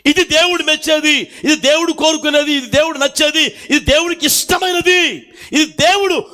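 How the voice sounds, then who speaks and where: Male preacher, very high pitch, emphatic congregation-led sermon delivery with shouted peaks. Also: steady tone, normal speed. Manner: emphatic, calls out questions to the congregation; swings between shouted emphasis and low asides. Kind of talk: Telugu church sermon.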